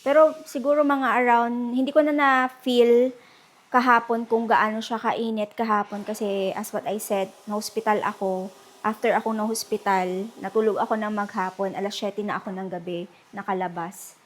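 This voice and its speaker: A woman's voice: mid-range voice, fairly even intonation, moderate pace. A young woman, chatting casually in a travel vlog, switching between Tagalog and English and laughing often as she walks city streets. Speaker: travel vlogger.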